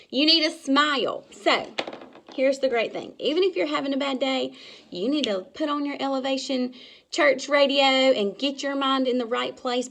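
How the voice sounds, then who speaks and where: A young woman giving a chatty, energetic business talk, acting out her sales pitches in a bright, high voice. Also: creaky. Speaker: business trainer. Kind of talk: casual instructional talk.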